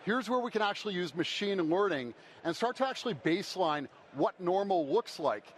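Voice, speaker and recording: A man's voice: high voice, animated, fairly quick. A man giving a podium speech as a conference presenter, explaining step by step and posing questions that he then answers. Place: conference stage. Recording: faint background noise.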